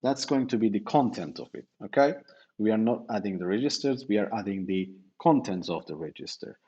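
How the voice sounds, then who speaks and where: A man's voice: fairly low pitch, lively intonation, fairly quick, dark tone, breathy edge, lo-fi sound. A middle-aged man giving a university lecture, explaining step by step with fillers and self-corrections.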